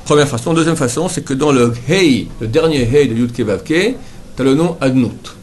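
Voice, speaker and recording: A man's voice: medium pitch, normal speed, darkish tone. A man explains a prayer point by point, like a rabbi at his lesson. He goes through the words patiently and says the Hebrew terms again and again until they sound right. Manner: explains step by step, often repeats Hebrew words to correct pronunciation. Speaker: rabbi teaching. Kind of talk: religious lesson.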